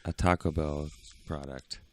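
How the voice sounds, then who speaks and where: A man's voice: a bass voice, fairly even intonation, measured pace, darkish tone, slight background noise. A young man co-hosting a casual podcast, laid-back and rambling, with a close mic and headphones on. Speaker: podcast co-host. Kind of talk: casual chat.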